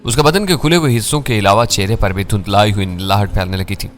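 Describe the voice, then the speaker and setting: Low-voiced man reading a thriller. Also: faint music behind. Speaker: storyteller. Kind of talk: scripted first-person thriller narration.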